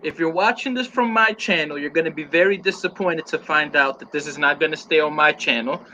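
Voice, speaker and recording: Bright, joking man chatting on a stream. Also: on the high side, fairly quick, lo-fi sound, slight background noise. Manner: loose and joking, reading out chat comments. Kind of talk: casual live-stream chat.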